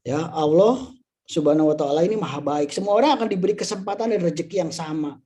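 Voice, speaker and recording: His talk is fast and casual: a roughly fifty-year-old motivational speaker who leads an insurance agency, with an Indonesian accent, peppering his words with tag phrases and rhetorical questions. The voice sits on the high side yet has a dark tone.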